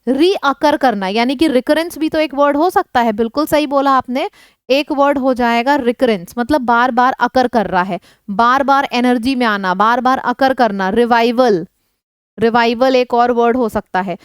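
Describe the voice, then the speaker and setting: High, smooth-voiced woman teaching vocabulary. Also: moderate pace, dry recording. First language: Hindi. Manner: explains words in mixed Hindi and English, checks in often. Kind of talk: online vocabulary lesson.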